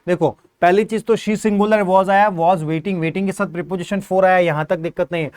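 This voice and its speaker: High, clear-voiced male teacher. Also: fairly even intonation, moderate pace, darkish tone. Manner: repetitive, quizzing questions, spells words letter by letter. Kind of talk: exam-prep English grammar lesson.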